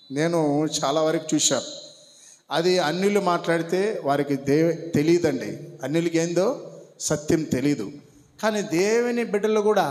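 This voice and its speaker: A high-pitched male pastor preaches in a church hall with a long, ringing reverb. He coaxes and urges his listeners one by one, mixing preaching with quick instructions. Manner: directs congregation by name, coaxing and urging. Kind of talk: sermon with congregation instructions.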